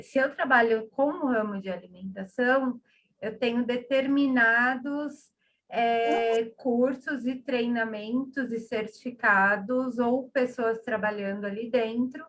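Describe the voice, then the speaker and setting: Hesitant woman, far from the mic. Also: on the high side. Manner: hesitant, fills with pauses. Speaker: business owner seeking advice. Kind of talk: casual chat. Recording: distant from the mic.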